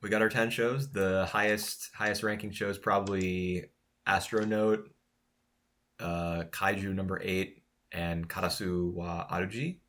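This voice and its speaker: Deep-voiced man, relaxed podcast chat. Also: measured pace. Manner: relaxed, chatty, laughs easily. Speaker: podcast co-host. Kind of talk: casual chat reviewing anime.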